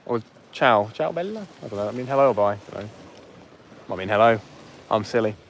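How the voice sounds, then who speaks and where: A man's voice: on the low side, fairly even intonation, normal speed, slight background noise. A man hosting a live fishing stream outdoors on a beach, chatting and joking with viewers through a phone mic. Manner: jokey, chatty, banters with viewers. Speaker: fishing livestream host. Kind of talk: casual live commentary to chat.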